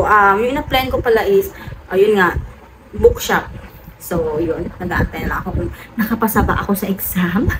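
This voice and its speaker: Chatty Filipina woman with a fan whirring. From Philippines. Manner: animated storytelling, laughs often, voice jumps high when excited. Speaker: vlogger. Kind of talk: casual chatty vlog. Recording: noisy home room with electric fan.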